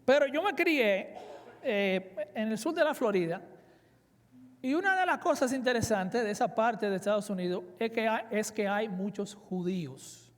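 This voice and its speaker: A Dominican man in his forties, with a Dominican Spanish accent, preaches a sermon at a conference in a high-pitched, animated voice at normal speed. He's earnest and emphatic, weaving in personal anecdotes, and the hall is reverberant.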